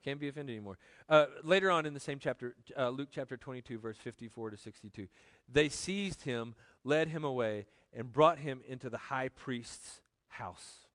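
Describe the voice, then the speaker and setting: A man preaching a sermon as pastor, animated, swinging from loud emphasis to quiet joking asides. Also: medium pitch, moderate pace, dry recording.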